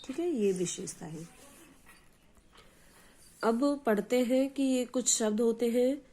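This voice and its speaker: A female schoolteacher with a medium-pitched, slightly mellow voice teaches a grammar lesson. She explains slowly and patiently, stopping often to ask her students questions and check they understand.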